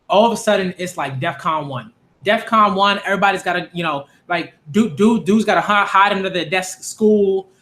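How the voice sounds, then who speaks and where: This is a late-twenties channel host ranting to his viewers, repeating points emphatically in clear exasperation. His voice is high-set, strained and bright.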